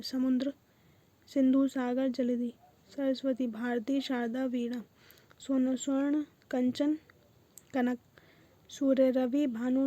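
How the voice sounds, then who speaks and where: A woman's voice: high-pitched, a little mellow, no echo. A young adult woman teacher reading exam notes aloud, listing terms one by one in short bursts.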